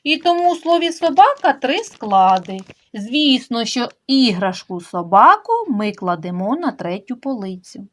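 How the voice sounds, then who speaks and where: A young woman leads a literacy lesson for small children. Her voice sits fairly high and moves in a lively sing-song. She speaks slowly and clearly, sounding out each syllable of a word one by one. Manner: sing-song, slow, emphatic syllable splitting. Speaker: preschool teacher.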